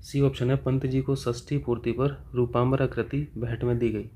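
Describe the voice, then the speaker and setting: Man with a mellow, even voice explaining test answers. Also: medium pitch, moderate pace, slight background noise. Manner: explanatory, asks and answers his own questions. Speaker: Hindi grammar teacher.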